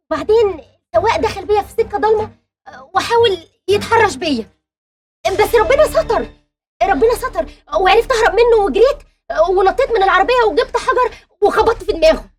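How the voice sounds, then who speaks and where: An actress playing a frightened young woman who pleads and explains herself in a rushed, tearful way, with an Egyptian accent. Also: extremely high pitch, lively intonation. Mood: anxious confession.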